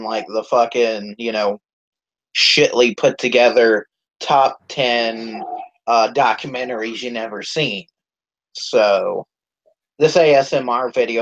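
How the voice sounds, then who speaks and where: Rambling, foul-mouthed man on a live stream. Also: medium pitch. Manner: rambling, heavy swearing, many fillers. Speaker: YouTube channel host. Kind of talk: casual live-stream chat. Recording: dull lo-fi stream audio.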